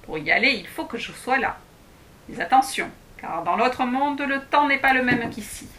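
A woman doing a gruff tiny dwarf man. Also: sits high, animated, moderate pace, sharp tone, pitched above the performer's own voice. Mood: instructing. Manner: gruff, scolding. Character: grumpy tiny male dwarf woodcarver.

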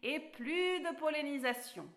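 A stubborn, cross little dwarf from a fairy tale, loud and scolding, as a woman puts him on. The voice is bright and the delivery slow and deliberate. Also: sits high, pitched above the performer's own voice. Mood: grumpy. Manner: loud, gruff, scolding outbursts.

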